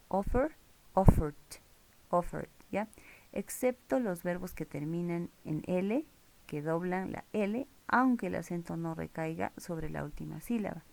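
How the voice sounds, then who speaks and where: A woman's voice: fairly low pitch, creaky, darkish tone. A woman teaching English grammar in a recorded lesson, explaining rules step by step and checking in with her viewers. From Peru.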